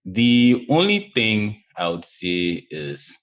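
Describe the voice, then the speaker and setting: Very low-voiced man bantering about football. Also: big pitch swings, takes it slowly, a bit bright. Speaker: football podcast panelist.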